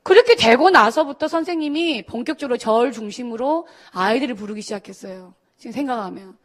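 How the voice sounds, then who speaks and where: A woman's voice: fairly high pitch, expressive, a little fast. A middle-aged woman pastor telling a personal story in a sermon to students, acting out the voices of the people she quotes. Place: church service.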